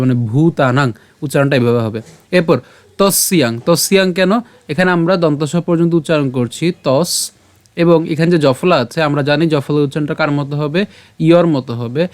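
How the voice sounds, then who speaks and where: A man teaching a scripture recitation lesson online, breaking words into syllables slowly and deliberately. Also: fairly high pitch, smooth, no room sound. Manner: slow, deliberate syllable-by-syllable explanation.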